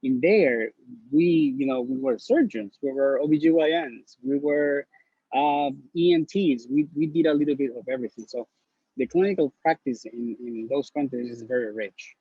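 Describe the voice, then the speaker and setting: Husky man, dull lo-fi sound. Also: mid-range voice, moderate pace, mellow, no echo. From Honduras. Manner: earnest and blunt, repeats words as he talks. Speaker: interview guest, newly matched neurology resident. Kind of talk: casual interview, giving advice. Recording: slightly dull lo-fi recording.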